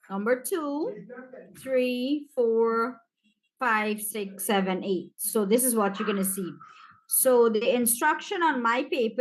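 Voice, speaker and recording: A woman with a Caribbean accent takes her students through a practice exam, speaking to them directly. She talks at an unhurried, slow pace in a slightly high voice. Her manner is relaxed and chatty. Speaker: teacher.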